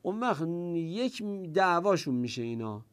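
A man's voice: a little high, very animated. A man teaching a grammar class, explaining step by step, reciting Arabic passages and asking and answering his own questions.

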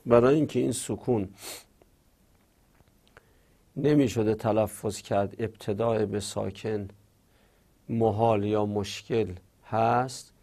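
Gravelly low-voiced man teaching slowly. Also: mellow. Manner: patient, repeats example words slowly. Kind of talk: spoken grammar lesson.

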